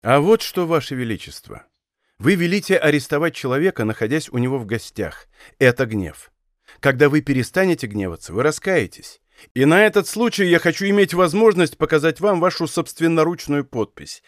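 A man reading a bold, calm musketeer captain in an audiobook, speaking with dry irony. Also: a little high, brisk, no room sound, lightly acted. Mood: reasoning.

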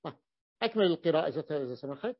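A man's voice: a little high, lively intonation, very fast, slightly rough, no echo, lo-fi sound. A man teaching a grammar lesson, explaining step by step and repeating key points for his students.

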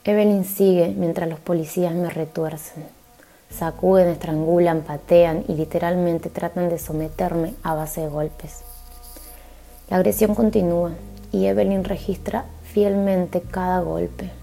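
Woman, book reading, measured and steady, low pitch, gravelly texture. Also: soft background music. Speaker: podcast host reading a book aloud. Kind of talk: audiobook-style reading.

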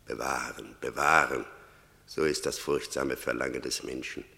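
An actor playing Death in a German radio play, a stern, merciless grim reaper scolding and commanding. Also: male voice, steady tone, normal speed, sharp tone, exaggerated voice. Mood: stern, accusing. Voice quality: gravelly, very deep. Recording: long cavernous reverb.

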